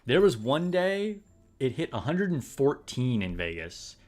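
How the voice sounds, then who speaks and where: A man's voice: mid-range voice, very animated, unhurried, darkish tone, soft background music. A man streaming a game, chatting casually with viewers in a laid-back, rambling way full of fillers. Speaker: gaming streamer. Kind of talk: casual live-stream chat.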